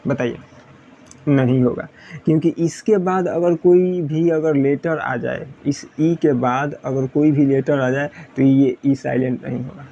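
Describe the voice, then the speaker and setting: A man's voice: medium pitch, fairly even intonation, unhurried, gravelly, dark tone, lo-fi sound, slight background noise. A man teaching English pronunciation in a classroom style, repeating points and asking questions he answers himself. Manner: repetitive, asks students questions then answers.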